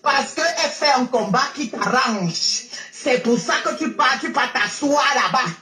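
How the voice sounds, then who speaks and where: A woman's voice: sits high, lively intonation, measured pace, bright, forceful tone, echoey room, soft background music. A tearful woman giving a repetitive, preachy rant on a live stream from her car. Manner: emotional, preachy, repeats herself. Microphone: phone while driving.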